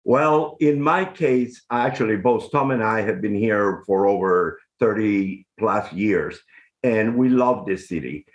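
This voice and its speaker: A middle-aged man from Honduras, hosting an interview from his art-filled home over a video call, speaking in an effusive, deliberate way. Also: fairly low pitch, highs cut off. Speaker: host, arts commissioner. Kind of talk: scripted-sounding interview hosting. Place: home room full of art and books. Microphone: video call webcam.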